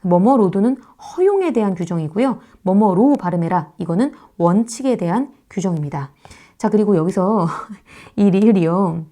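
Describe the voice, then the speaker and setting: A woman giving an online grammar lecture. She explains slowly, addresses her students directly, and repeats vowel sounds to demonstrate pronunciation. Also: mid-range voice, animated, dark tone. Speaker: Korean grammar teacher.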